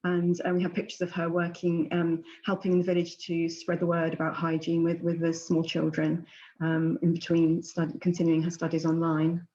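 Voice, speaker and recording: Older woman, mellow, halting, rather flat. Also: lowish voice. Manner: halting, hesitant. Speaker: presenter at an online charity event. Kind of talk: unscripted spoken update. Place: plain room indoors. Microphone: video call. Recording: dull video-call sound.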